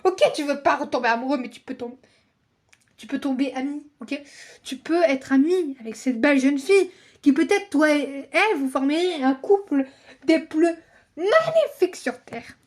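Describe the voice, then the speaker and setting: A woman's voice: high-pitched, expressive, normal speed. A young woman hosting a reaction video, chatting casually with rambling, self-correcting asides and acting out lines in exaggerated voices. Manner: playful, reads the characters' lines aloud in exaggerated voices.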